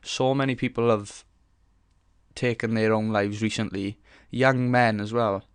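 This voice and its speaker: Sweary young man, smooth voice. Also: lowish voice, fairly even intonation, a little slow, no echo, clean studio sound. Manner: frank, rambling, heavy swearing; earnest, thinks aloud with fillers and restarts. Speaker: podcast host. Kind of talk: casual solo podcast monologue.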